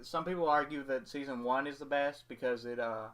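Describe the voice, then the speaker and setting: A young man hosting a podcast, chatting casually in a rambling, animated way with many restarts. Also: medium pitch, fairly quick. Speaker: podcast host. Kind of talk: casual chat.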